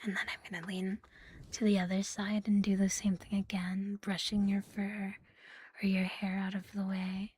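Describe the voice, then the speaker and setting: A woman performing ASMR whispers breathily, very close to the microphone, in a soothing, intimate catgirl-girlfriend roleplay, lingering on words she repeats. Her voice is medium in pitch, monotone, moderately paced, a little mellow and husky.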